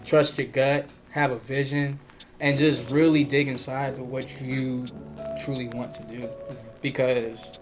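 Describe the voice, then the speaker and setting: A young man from New York co-hosting a podcast, speaking in a relaxed, motivational way and saying "you know" often. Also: medium pitch, measured pace, over music. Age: young adult. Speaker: podcast co-host. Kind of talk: casual podcast chat.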